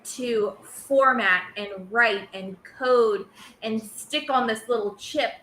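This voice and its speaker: A woman chatting casually as a podcast guest, lively and laughing, with playful put-on voices. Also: fairly high pitch, slow pace, echoey room, slight background noise, low-quality recording. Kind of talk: casual chat.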